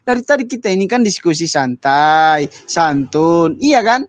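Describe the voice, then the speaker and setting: Slow mocking man, dry sound. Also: fairly high pitch, big pitch swings, dry recording. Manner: mocking, taunting, laughing at opponent. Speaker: debater. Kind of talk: online religious debate.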